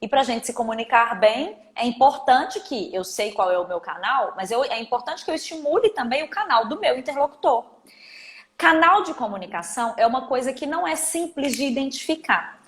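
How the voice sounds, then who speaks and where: Animated Brazilian woman teaching in an echoey room. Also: high voice, fairly quick. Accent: Brazilian Portuguese. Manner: animated, emphatic, explains with everyday examples. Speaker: communication trainer. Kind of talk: live online training talk.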